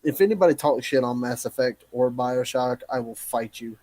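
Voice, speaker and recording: A man's voice: medium pitch, moderate pace, dark tone, no room sound. A man who makes gaming content, rambling emphatically and swearing constantly in a casual podcast chat.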